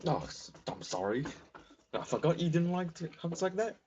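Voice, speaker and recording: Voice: mid-range voice, sing-song, normal speed, dull audio, background noise, close to an everyday voice. Toriel, a man doing a sweet motherly goat lady. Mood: sweetly polite. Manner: sweet, polite, fussing hostess. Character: gentle motherly goat woman.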